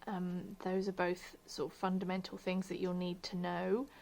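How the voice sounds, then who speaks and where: A chatty woman hosts a casual crochet tutorial at home, speaking at a normal speed in a low, creaky, darkish voice with a completely flat delivery. She's self-deprecating, drops to murmurs while working, and says she has her posh telephone voice on.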